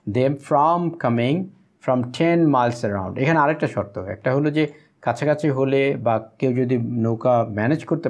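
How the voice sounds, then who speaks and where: A man from Bangladesh runs an English lesson. He reads each line slowly and carefully, then explains it at length. His voice sits at an ordinary mid pitch. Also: darkish tone, slightly rough. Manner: teaching pronunciation aloud. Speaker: English teacher.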